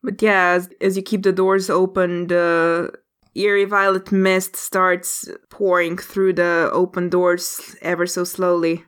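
A woman running a tabletop game as game master, with measured, descriptive narration. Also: fairly low pitch, little pitch movement, clean tone.

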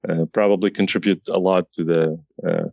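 A man's voice: deep voice, fairly even intonation, a little fast, gravelly, a little mellow, no echo, highs cut off. A man in his thirties from Syria, a guest on a podcast interview, talking earnestly and often restarting his sentences. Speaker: guest, informatics pharmacist.

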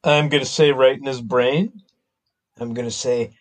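A man's voice: medium pitch, steady tone, moderate pace, no room sound. A man playing a tabletop game, joking and bluffing in a playful way. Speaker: player. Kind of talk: casual tabletop play.

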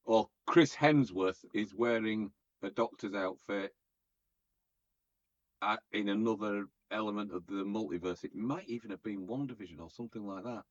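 A man's voice: on the low side, moderate pace, dry recording. A man co-hosting a casual podcast chat about films, rambling and joking. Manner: joking, rambling, laughs often. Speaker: podcast co-host. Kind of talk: casual film review chat. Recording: dull lo-fi mic.

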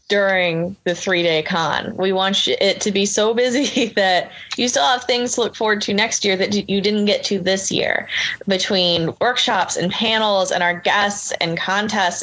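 A woman's voice: medium pitch, a bit bright. A woman organizing a convention, talking upbeat in a casual interview, listing plans.

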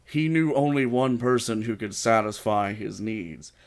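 A man's voice: fairly low pitch, a little slow. A man co-hosting a comedy podcast, reading a silly story aloud with wry, sweary asides. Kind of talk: casual comedic read-aloud.

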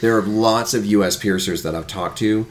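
A man's voice: fairly low pitch, moderate pace. A man hosting a casual podcast conversation, talking in long runs and making jokes.

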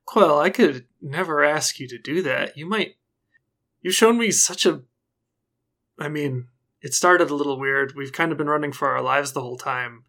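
A player voicing an excitable, earnest young woman adventurer who rambles with lots of fillers and giggles. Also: medium pitch, moderate pace.

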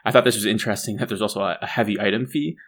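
A man's voice: fairly low pitch, very fast, a bit bright. A man co-hosting a casual podcast, explaining a company in a chatty way with frequent restarts. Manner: chatty, restarts and fillers, laughs at own jokes. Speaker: co-host.

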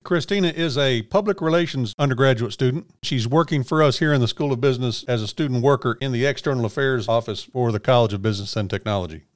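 A man from Kentucky hosting a scripted interview podcast in a measured, encouraging way. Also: mid-range voice. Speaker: podcast host.

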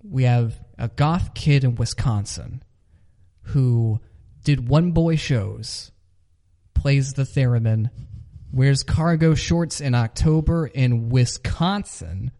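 A man's voice: mid-range voice, takes it slowly, mellow. A man hosting a comedy podcast, telling a made-up crime story in a mock-serious narrator's tone. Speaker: podcast host.

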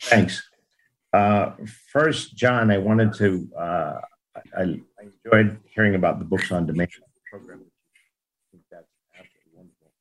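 A man's voice: low voice, a little slow, long pauses. A man joining a meeting over a call line that glitches and cuts out, speaking hesitantly and repeating words as he restarts. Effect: glitchy call audio that breaks up and cuts out. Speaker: participant on a conference call. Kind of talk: casual meeting talk. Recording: breaking-up conference call line, sounding far off.

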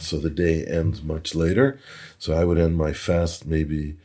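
A man's voice: sits low, darkish tone, breathy edge. A man, a podcast guest, telling anecdotes in a chatty way, chuckling and repeating words while he searches for them. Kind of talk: anecdotal storytelling. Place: Toronto.

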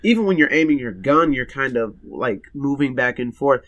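A man co-hosting a game review podcast, talking in halting starts that build into eager explanations. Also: medium pitch, expressive, a bit bright, muffled recording. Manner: halting, restarts, then enthusiastic. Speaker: podcast co-host. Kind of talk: casual game review chat.

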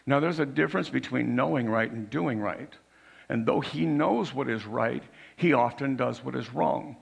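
A man preaching a sermon as a pastor, raspy and hoarse from losing his voice, explaining informally and often checking in with "right?". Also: mid-range voice, moderate pace.

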